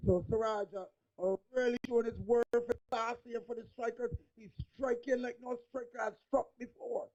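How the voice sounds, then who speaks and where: A man giving live cricket play-by-play, excitable and rising to shouts on big hits, heard on a dull lo-fi recording. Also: extremely high pitch, moderate pace, hardly any pauses. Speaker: cricket commentator.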